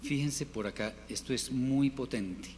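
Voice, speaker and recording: A man teaching a Hebrew class, patiently drilling word forms and repeating them slowly for his students. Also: mid-range voice, darkish tone. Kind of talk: classroom lesson. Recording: reverberant room with faint noise.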